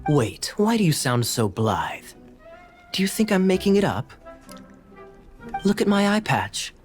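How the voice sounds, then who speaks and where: An actor playing a theatrical, scheming cavalry captain in a video game, dramatic and grandiose, with music behind him. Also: male voice, sits high, sing-song, measured pace. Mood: mock offended.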